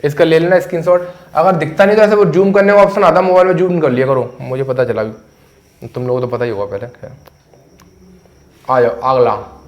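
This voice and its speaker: A talkative man teaches English words in a friendly, conversational way. His voice sits a little higher than most men's, and he slows down to repeat each word again and again for pronunciation. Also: steady tone. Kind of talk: explaining English vocabulary in Hindi.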